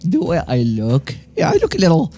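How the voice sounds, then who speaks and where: With soft music behind him, a Moroccan-accented business owner in his forties tells personal stories casually while being interviewed. Arabic and French are his native languages. He speaks fairly quickly in a warm, fairly high voice with huge swings in pitch.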